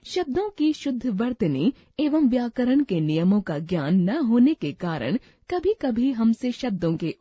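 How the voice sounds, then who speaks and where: Woman, textbook lesson narrator, dry studio read, warm and unhurried. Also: medium pitch, slightly rough, dry recording. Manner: slow, careful reading of word pairs.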